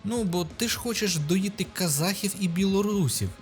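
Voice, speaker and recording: A man's voice: high-pitched, moderate pace, over loud music. A man with a Ukrainian accent hosting his channel, narrating a mock guide in a sarcastic, ironic tone. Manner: mocking, ironic. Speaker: YouTube host.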